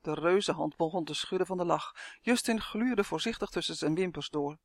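Woman reading a kids story, lively and expressive, dry close mic. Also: on the low side, a little fast, no echo. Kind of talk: storybook narration.

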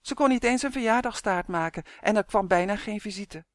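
A woman's voice: mid-range voice, fairly quick, no echo, clean studio sound, lightly acted. A woman voicing a timid young boy. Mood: worried. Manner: hesitant and gloomy. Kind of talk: audiobook character voice.

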